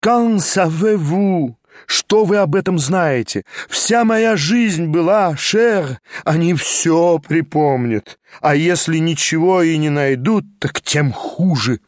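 A man playing a frightened, tearful old gentleman. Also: on the high side, expressive, takes it slowly, no echo, clean studio sound. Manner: anxious, pleading, often hushed and breathy. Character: frightened, tearful aging gentleman, fond of French phrases. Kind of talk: audiobook reading.

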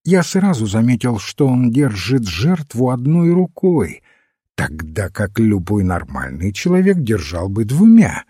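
A gentle, thoughtful old priest who untangles a mystery by calm reasoning, as a male reader plays him. His speech is unhurried and lively in pitch. The tone is mellow and a little husky. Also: no room sound, studio quality, full character voice. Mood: explaining. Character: mild, thoughtful elderly male priest-sleuth.

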